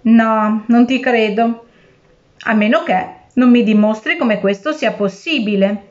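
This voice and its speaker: A woman's voice: a little high, a little slow, lo-fi sound, lightly acted. A woman reading aloud and voicing a poor fisherman who pleads for his life and then outwits his captor. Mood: desperate, cunning. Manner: pleading, then shrewd and defiant. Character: poor, desperate, clever old fisherman.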